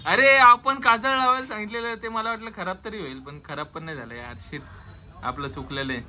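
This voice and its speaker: Bright-voiced man, teasing vlogger. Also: sits high, fairly quick, slight background noise. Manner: teasing, coaxing. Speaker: vlog host. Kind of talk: casual vlog chat.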